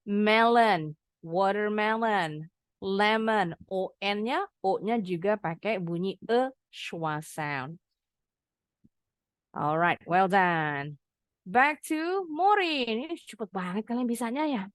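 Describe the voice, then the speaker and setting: A woman teaching an online English class, mixing explanation with slowly modeled words for students to echo. She speaks at an unhurried pace. The sound is close and dry. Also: medium pitch, expressive. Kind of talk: online English lesson for teens.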